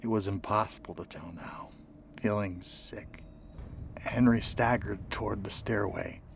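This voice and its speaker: A man reading a story aloud as dramatic audiobook narration, often dropping to a hushed near whisper. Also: on the low side, unhurried, gravelly, a little hiss or hum.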